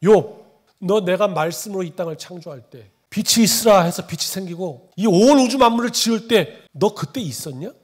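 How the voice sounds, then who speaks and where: A pastor voicing God as a stern, commanding speaker who fires rhetorical questions, loud and raised. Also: male voice, sits high, animated, moderate pace, breathy edge. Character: stern, booming God challenging a man.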